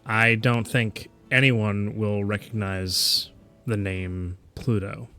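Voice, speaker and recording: A man's voice: lowish voice, fairly even intonation, takes it slowly, pushed and bright, faint music behind, voice pushed down. A man voicing a male rebel contact who answers a short magic message in terse, clipped sentences. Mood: matter-of-fact. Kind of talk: tabletop game character voice.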